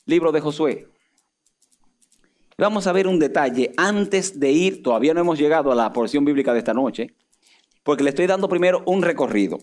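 A man's voice: fairly high pitch, animated, fairly quick, darkish tone. A man preaching a sermon, firing rhetorical questions and answering them himself, acting out the lines he quotes. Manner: dramatic, acts out quoted speech. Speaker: pastor.

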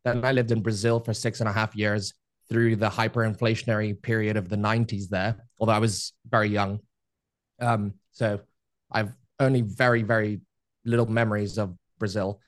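A man in his thirties, a podcast guest, telling his life story in a relaxed, rambling way with many fillers. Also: on the low side, moderate pace, no room sound, clean studio sound. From Spain. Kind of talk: casual interview storytelling.

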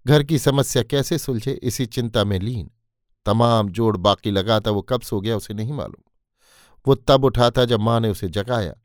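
A man narrating a short story in a steady, measured reading. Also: lowish voice, no room sound, clean studio sound.

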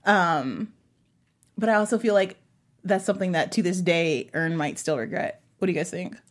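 A woman hosting a casual panel chat about a TV episode, lively and quick to laugh. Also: fairly low pitch. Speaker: host.

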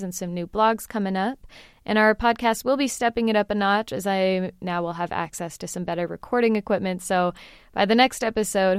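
A woman's voice: mid-range voice, smooth, dry recording, clean studio sound. A woman hosting a music podcast, chatting in a friendly way with frequent fillers. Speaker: podcast host. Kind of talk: podcast intro and phone interview.

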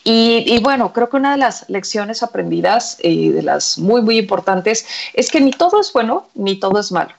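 A woman's voice: mid-range voice, big pitch swings, normal speed, vocal fry, hardly any pauses, slight background noise. A woman, chatting and telling a story as a show co-host, with many fillers. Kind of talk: conversational storytelling.

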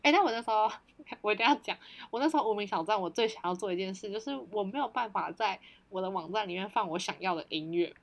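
A woman's voice: mid-range voice, animated, fast. A woman in her twenties with a Taiwanese Mandarin accent, telling stories playfully in casual podcast chat. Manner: playful, giggly storytelling. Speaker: podcast co-host.

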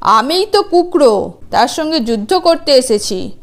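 A woman's voice: high-pitched, big pitch swings, measured pace, full character voice. A woman voicing a boastful, brawling male giant in a children's story, with a blustering manner. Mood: challenging.

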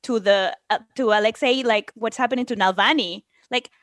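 A woman, co-hosting a casual podcast, animated and joking. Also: a little high, fairly quick, no echo, clean studio sound. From Mexico. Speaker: podcast co-host. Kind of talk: casual chat.

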